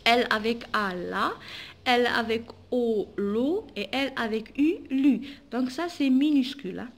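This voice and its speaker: Woman teacher, Algerian French accent, slow and deliberate, a little high, drills letters and syllables for young pupils. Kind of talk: phonics lesson for children.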